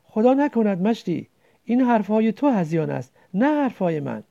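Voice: mid-range voice, very animated, creaky, dark tone, highs cut off. A reader voicing an anxious village wife. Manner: pleading, anxious. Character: worried poor village wife.

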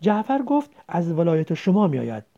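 Narrator doing a calm village husband. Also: mid-range voice, creaky. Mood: reassuring. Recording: dull lo-fi recording.

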